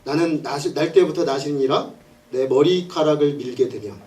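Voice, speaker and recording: A male preacher voicing a strong young man quietly confessing a secret. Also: a little high, normal speed, distant mic, voice pushed down, natural voice.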